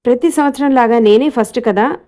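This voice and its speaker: A woman's voice: fairly high pitch, brisk, dark tone, close to an everyday voice. A woman doing a clingy, possessive young lover. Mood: eager.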